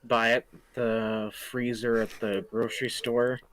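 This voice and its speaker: A man's voice: medium pitch, little pitch movement, a little slow, a bit bright, a little hiss or hum, low-quality recording. A man co-hosting a live stream, chatting casually and hesitantly with many ums.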